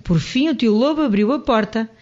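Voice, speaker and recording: A woman narrating a children's story with expressive, swooping emphasis. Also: on the high side, moderate pace. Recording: dull lo-fi radio audio.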